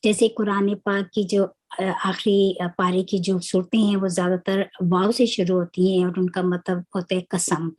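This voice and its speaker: A woman teaching a religious lesson on Quranic Arabic grammar, explaining patiently step by step and pausing to search for words. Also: medium pitch, level tone, a little mellow. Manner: recites Arabic prayers before teaching.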